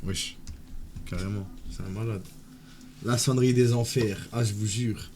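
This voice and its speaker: A man's voice: on the low side, steady tone, a little slow, a little mellow, slight background noise. A man hosting a livestream, chatting casually with crude joking banter. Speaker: streamer.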